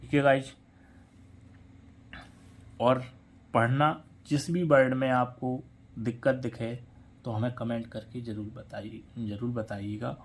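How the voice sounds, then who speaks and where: Man, English pronunciation teacher, slow speech, spells words letter by letter, patient repetition. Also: medium pitch, steady tone. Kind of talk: spelling lesson, letters read out slowly.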